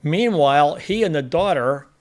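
A man's voice: a little high, lively intonation, moderate pace, darkish tone. A man co-hosting a casual film review podcast, retelling the plot in a rambling way with frequent restarts.

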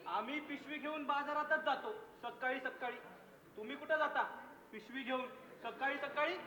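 A man's voice: extremely high pitch, moderate pace, pushed and bright. A man acting on stage, playing a preachy, boastful village man in a comedy play. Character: proud middle-aged village man, boastful. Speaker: stage actor. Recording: echoey hall from a distance.

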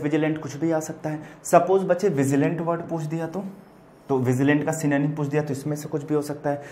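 Indian man teaching vocabulary patiently. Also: a little high. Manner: explains patiently, addresses students as children, spells words letter by letter. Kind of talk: online exam-prep lesson.

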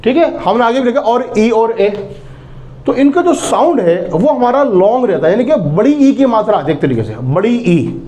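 A man's voice: very high-pitched, big pitch swings, normal speed, warm tone. A man, teaching an English phonics lesson. He explains patiently, repeats each word and asks his students questions.

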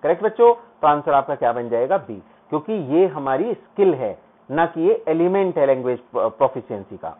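A male teacher running a live online exam-prep class. He reads English quiz questions out slowly, explains them in Hindi, and praises students by name. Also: on the high side, sing-song. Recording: tinny phone-like online stream.

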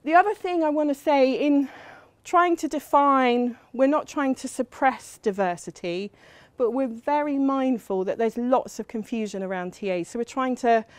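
A middle-aged woman from England lecturing at a university, her voice pitched a little high. She talks in a chatty, self-deprecating way, full of ums and asides. The sound is dry and close. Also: moderate pace, few pauses, no room sound. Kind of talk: academic lecture.

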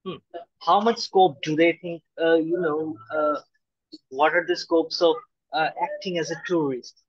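High-voiced young man, halting interviewer. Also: steady tone, no room sound. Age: young adult. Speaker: interviewer, host. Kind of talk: casual interview. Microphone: video call. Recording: dull lo-fi call audio, dry.

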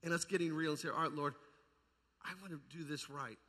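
Brisk and forceful, a man with a fairly high, bright voice delivers an emphatic charismatic sermon as pastor, repeating phrases and firing rhetorical questions at his congregation. The amplified sound echoes with long reverb through the large indoor church hall.

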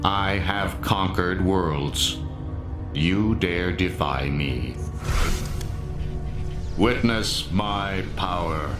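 An actor voicing a menacing male alien machine overlord in a video game, with a robotic processed voice and cold, grandiose, slow proclamations. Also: low-pitched. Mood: scornful. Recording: roomy game audio over loud music.

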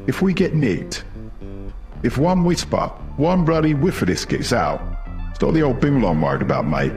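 A man playing a menacing London gangster who makes gruff, slangy threats, in a clip from an AI video. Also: medium pitch, big pitch swings, moderate pace, a little mellow, soft background music, natural voice. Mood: threatening.

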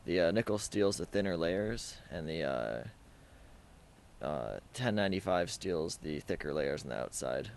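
A man explaining his blacksmithing work step by step, in a plain, halting way with many fillers. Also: low voice, expressive, creaky. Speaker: hobby blacksmith. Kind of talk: explaining narration over a demo. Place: outdoor backyard forge. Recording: noisy outdoor recording.

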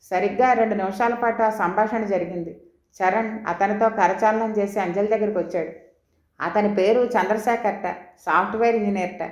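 A woman's voice: medium pitch, fairly even intonation, moderate pace, a little mellow, reverberant. A woman reading a novel aloud as an audiobook narrator, voicing the dialogue in her own voice. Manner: reads every character's dialogue in her own voice.

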